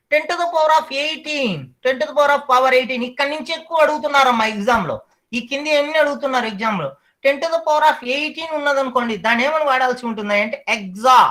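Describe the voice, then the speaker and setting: Male teacher, high voice, online class, repeats each term slowly for students. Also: bright, forceful tone, poor audio.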